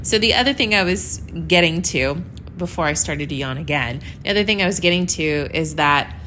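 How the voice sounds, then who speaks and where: Female podcast host, lower-pitched, sleepy and rambling, casual solo chat, faint background ambience. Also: expressive, fairly quick, sharp tone, a little hiss or hum. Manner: rambling, chatty, with laughs and fillers. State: sleepy, yawning. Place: New York.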